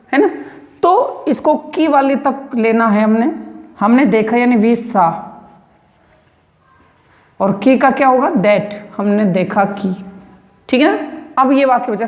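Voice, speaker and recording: A woman's voice: fairly high pitch, big-room sound. A woman teaching English grammar, explaining translation step by step and checking in often with her students. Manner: slow, repetitive, checks in often with rhetorical questions.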